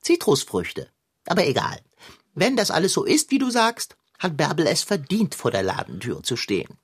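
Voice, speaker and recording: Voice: mid-range voice, huge pitch swings, moderate pace, breathy edge, exaggerated voice. Ein trocken spöttischer Ladenbesitzer. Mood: teasing. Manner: teasing, mock-dramatic replies.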